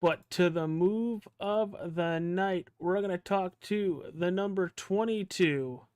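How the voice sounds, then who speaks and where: A man hosting a racing broadcast, his voice sitting a little high and coming through smooth and clean. He talks to the drivers in a relaxed, chummy way, with a dry, close sound. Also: takes it slowly, dry recording. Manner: casual, friendly, calls drivers pal and dude. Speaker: race broadcaster. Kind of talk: post-race interview hosting.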